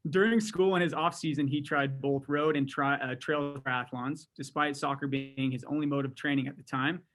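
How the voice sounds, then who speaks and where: A man's voice: medium pitch, fairly even intonation, normal speed, few pauses. A man of about thirty co-hosting a podcast, chatting cheerfully and reading a friend's bio aloud with easy laughter. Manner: cheerful, laughs easily, warm-hearted reading. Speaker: podcast co-host. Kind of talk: casual interview chat and reading a bio aloud.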